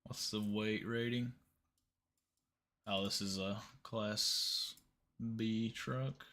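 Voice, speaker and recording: A man's voice: fairly low pitch, steady tone, extremely slow, bright, forceful tone. A man in his mid twenties hosting a casual live stream, chatting easily and tossing questions to viewers. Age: 20s. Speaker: livestream host.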